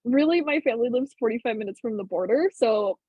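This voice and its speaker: A young-sounding woman from Illinois talks through a panel chat, her voice slightly husky and breathy. She rambles, restarts and fills gaps with little words. The call audio is dull and dry, with no room around it. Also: fairly high pitch, lively intonation, quick pace, no echo. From Illinois, USA. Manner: rambling, lots of fillers and restarts. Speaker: theater apprentice, playwright.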